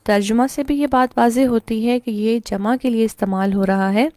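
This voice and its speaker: A woman with a Pakistani Urdu accent, teaching a Quran recitation lesson with a fairly high voice. She explains each rule step by step, poses questions and answers them herself, and recites verses slowly. The recording is close and dry, with no room sound. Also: steady tone, darkish tone, dry recording. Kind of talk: online tajweed lesson.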